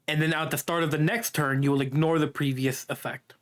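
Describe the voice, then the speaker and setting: A man's voice: a little high, fairly even intonation, fairly quick, fairly bright tone. A man narrating as game master of a casual tabletop game, laughing often between rulings.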